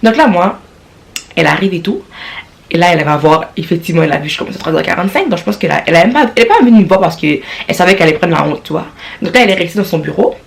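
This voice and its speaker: A young woman with a Quebec French accent telling a storytime vlog, sassy and animated, slipping English slang into her talk. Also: on the low side, rapid-fire, gravelly. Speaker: vlogger.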